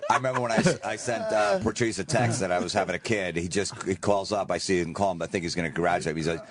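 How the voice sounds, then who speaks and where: A man's voice: deep voice, fairly even intonation, rapid-fire, a loud crowd. A man on a radio talk show, telling a story and acting out both sides of the exchange. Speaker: comedian guest. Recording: loud background noise.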